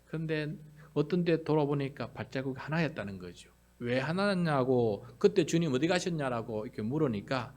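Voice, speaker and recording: A man preaches to his congregation with an earnest, direct manner. His voice sits at an ordinary middle pitch. He sinks into near-whispers and then swells into loud, emphatic declarations. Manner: dynamic delivery, swinging from hushed whispers to loud emphatic cries. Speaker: pastor. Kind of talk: sermon.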